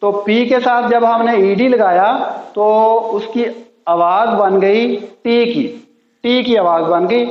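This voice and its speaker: A man teaching English pronunciation, speaking slowly and repeating each word several times. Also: high voice. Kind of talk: slow classroom pronunciation lesson. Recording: echoey, dull lo-fi room sound.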